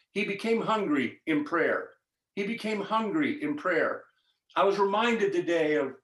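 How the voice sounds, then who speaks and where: Fervent male preacher, echoey room. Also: on the high side. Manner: fervent, rising to loud exhortation, then dropping to intense quiet urging. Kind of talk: sermon over a video call. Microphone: video call.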